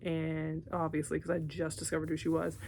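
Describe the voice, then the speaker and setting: A young woman with a Southern drawl talks casually to her viewers, animated and full of asides. Her voice sits a touch low for a woman. It sounds like a relaxed vlog chat. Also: a little fast, creaky, breathy edge. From Texas, United States. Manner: chatty and animated, with asides and laughs. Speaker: vlogger.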